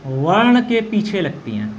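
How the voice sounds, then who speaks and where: A man whose voice sits high and swings widely in pitch gives an exam-prep grammar lesson at a slightly slow pace. He quizzes himself aloud, answers, dictates notes, and stretches vowels out for demonstration, captured in dull lo-fi sound with faint noise.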